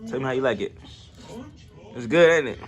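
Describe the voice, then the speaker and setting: A man chatting and teasing friends in slangy, animated vlog talk. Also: medium pitch, brisk, faint music behind. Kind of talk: casual vlog chat.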